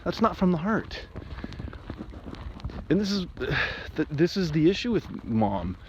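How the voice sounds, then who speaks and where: A separated father giving an emotional personal monologue, agitated and rambling, with restarts and sudden jumps in pitch. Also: sing-song, slow pace. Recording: muffled, with faint background hiss.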